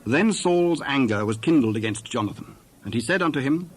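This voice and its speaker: A man reads scripture from a script, narrating in a measured, formal storytelling style. His voice is mid-range and animated.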